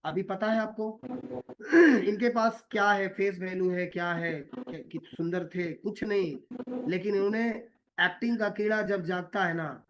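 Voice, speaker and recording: Man, motivational speaker, high-pitched, repetitive, lots of filler pauses. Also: fairly even intonation, a bit bright, slight background noise. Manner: repetitive, hesitant with many fillers, addresses listeners as "my dear". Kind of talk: motivational talk.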